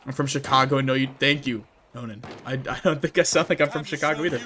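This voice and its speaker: A fast-talking Midwestern man with a medium-pitched, pushed, bright voice streams a game, keeping his intonation fairly even over a slight hiss or hum. In his Midwestern American accent, he casually reads chat messages aloud and answers them, laughing often.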